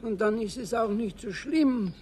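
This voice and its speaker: An actor playing a gruff but kindly old caretaker with a Bavarian accent in a 1970s radio play. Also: male voice, sits high, unhurried, darkish tone, a little hiss or hum. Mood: good-natured. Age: older. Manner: folksy, chuckling.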